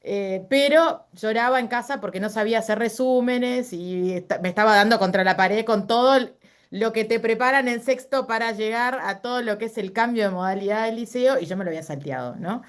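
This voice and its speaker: Fairly high-pitched and fairly quick, a middle-aged Uruguayan woman shares stories from her life during an informal interview. Fillers and self-corrections come up often in her speech.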